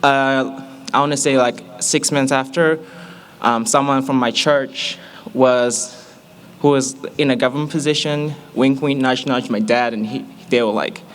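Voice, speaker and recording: A young Malaysian man in his early twenties, speaking with an American accent, shares a humorous personal testimony with an audience. His mid-range voice moves at a measured pace as he tells his story in an animated, playful way.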